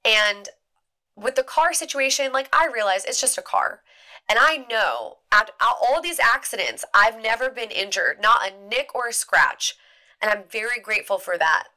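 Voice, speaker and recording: A woman's voice: a little high, lively intonation, normal speed, pushed and bright. A young woman from Maryland's Eastern Shore hosting a podcast, talking casually and rambling with lots of "like". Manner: chatty, rambling, heavy use of "like". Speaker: podcast host. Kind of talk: casual solo podcast chat.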